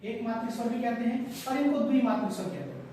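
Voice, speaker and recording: A man's voice: very high voice, sing-song, quick pace, mellow. A male Hindi grammar teacher giving a classroom lecture. He repeats key points and quizzes his listeners. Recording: very echoey room, distant mic, faint hiss.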